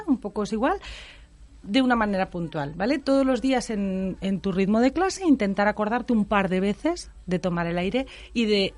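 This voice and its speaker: A woman from Spain, a speech therapist, calmly explaining breathing and voice use in a radio interview. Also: medium pitch, dry recording. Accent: Spain Spanish. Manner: calm, explanatory, many tag questions.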